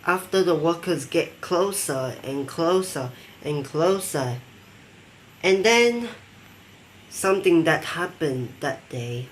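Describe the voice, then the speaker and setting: A man telling a rambling mock-documentary story in halting, non-native phrasing, acting out quoted lines. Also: a little high, expressive, slight background noise. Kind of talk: improvised storytelling narration.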